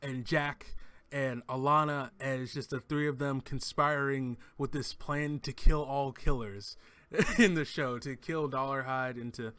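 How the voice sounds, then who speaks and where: Bright-voiced enthusiastic male reviewer. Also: mid-range voice, steady tone, unhurried, clear, resonant tone, no echo. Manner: enthusiastic, rambling, with frequent restarts. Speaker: TV show reviewer. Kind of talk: casual spoken episode review.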